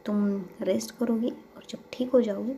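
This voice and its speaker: A strict, caring middle-aged mother, as a woman narrator puts her on in a spoken audio story. She speaks firmly and gives orders in a warm, mellow tone. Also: medium pitch, steady tone, moderate pace, a little hiss or hum, lightly acted. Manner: firm, commanding.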